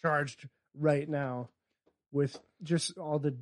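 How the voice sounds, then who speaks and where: A man's voice: on the high side, steady tone, very slow. A man co-hosting a podcast, chatting casually and joking wryly while he works through comedy bits. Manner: wry, joking, acts out bits. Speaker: podcast co-host.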